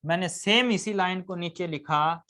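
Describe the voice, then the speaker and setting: A man's voice: high voice, unhurried, bright, forceful tone. A man teaching a live grammar lesson, constantly quizzing his students with questions and answering them himself.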